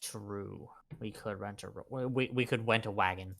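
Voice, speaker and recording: A man's voice: on the low side, steady tone, normal speed, vocal fry, a crowd in the background. A man chatting casually and jokingly with friends during a tabletop role-playing game, bantering and swearing freely. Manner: profane, bantering. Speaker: tabletop role-play player.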